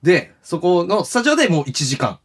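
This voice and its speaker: A man chats on a podcast, telling a long story with plenty of lift. His voice sits a little high and swings widely in pitch. He slips into the voices of the people he quotes. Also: a little fast. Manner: animated storytelling in Kansai speech, acts out quoted voices. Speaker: podcast host. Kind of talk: casual chat.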